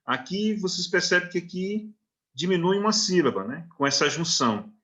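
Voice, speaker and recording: A man with a Brazilian Portuguese accent records an online literature lecture, sounding out verse lines syllable by syllable and asking frequent short questions. His high voice is sing-song and a bit bright at a normal speed, and the recording is muffled.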